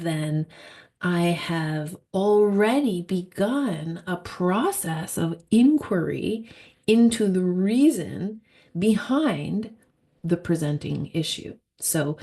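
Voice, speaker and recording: Thoughtful, low-voiced woman with a creaky edge. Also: a little mellow. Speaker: hypnotherapist explaining technique. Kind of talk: informal explanatory monologue.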